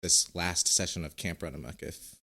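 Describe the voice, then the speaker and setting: Laid-back man, low voice, podcast guest. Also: steady tone, normal speed, pushed and bright. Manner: laid-back, laughing, filler-heavy. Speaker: podcast guest, bar manager. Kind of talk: casual podcast chat.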